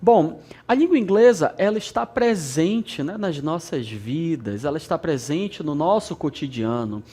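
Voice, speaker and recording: A Brazilian English teacher with an Amazonas accent records a studio lesson in a medium-pitched, dark, husky voice. Animated yet unhurried, she barely pauses, repeating key words and checking in with "ok?" as she goes.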